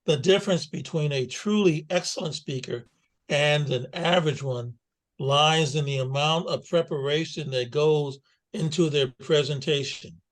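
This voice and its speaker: A man hosting a club meeting on a video call, reading out a formal introduction of the guest in a measured way. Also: on the high side. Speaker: meeting host.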